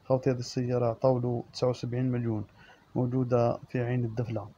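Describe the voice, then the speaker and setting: Algerian man, brisk flat car-listing read, mellow tone, muffled lo-fi recording. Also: medium pitch, a little hiss or hum. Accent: Algerian Arabic. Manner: monotone listing of specs and prices. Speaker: used-car price presenter.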